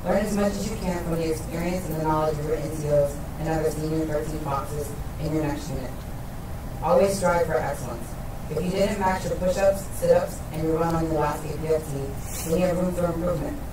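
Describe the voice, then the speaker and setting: A man's voice: a little high, steady tone, brisk. Man giving speech, very echoey. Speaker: army senior enlisted speaker. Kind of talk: formal graduation speech. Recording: very echoey, distant, noisy hall recording.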